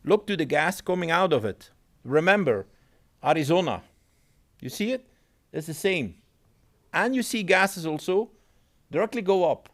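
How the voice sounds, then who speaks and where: A man with an other than giving a technical presentation at a conference. He pauses, repeats words and phrases things in his own way. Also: a little high, expressive. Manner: halting, repeats words, non-native phrasing. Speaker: conference speaker.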